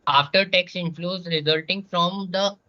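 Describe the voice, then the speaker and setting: A man, a student reading lecture slides aloud in a steady manner during an online class. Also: high-pitched, measured pace. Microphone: video call. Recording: dull, dry call audio.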